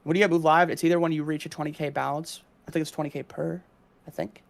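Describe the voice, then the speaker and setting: Young man, rapid speech, vocal fry, casual livestream trading explanation, repetitive explanatory manner. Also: a little high, level tone. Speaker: live trading streamer.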